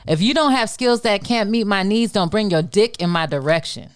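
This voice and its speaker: A woman's voice: medium pitch, normal speed, clear, resonant tone, no echo, clean studio sound. A woman from Detroit, a podcast guest, reading a spoken word poem in a defiant, rhythmic delivery. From Detroit, USA.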